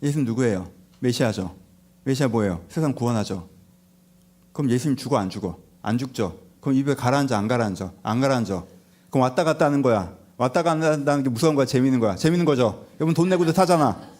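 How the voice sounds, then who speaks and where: A male pastor giving a lively, conversational sermon, telling the story with rhetorical questions and acting out the people in it. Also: mid-range voice, fast talker. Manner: animated storytelling, acts out disciples and Jesus, rhetorical questions. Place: church sanctuary.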